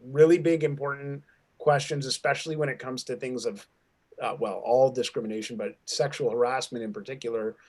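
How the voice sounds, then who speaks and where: A man's voice: mid-range voice, steady tone, a little fast, darkish tone. A man hosting an online panel discussion as an acting program director, speaking thoughtfully and restarting sentences as he forms his questions. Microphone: video call.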